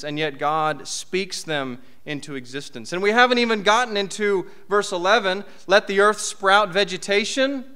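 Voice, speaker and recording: Male preacher, 30s: high, crisp voice, conversational and lively delivery at a church podium. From United States. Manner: conversational, lively preaching with asides and rhetorical questions. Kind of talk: sermon. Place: church hall. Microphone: podium mic.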